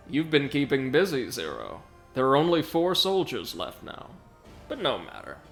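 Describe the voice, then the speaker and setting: A man voicing a gloating, cruel game villain who taunts with slow theatrical menace. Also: medium pitch, wildly swooping pitch, creaky, fairly bright tone, soft background music, heavily acted. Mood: taunting menace.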